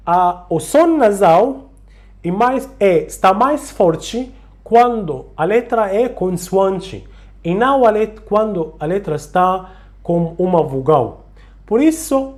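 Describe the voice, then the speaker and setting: Slow, patient recitation teacher. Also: mid-range voice, a little mellow. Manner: slow, patient, repeats sounds and words to demonstrate. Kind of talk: slow tutorial on Quranic recitation rules.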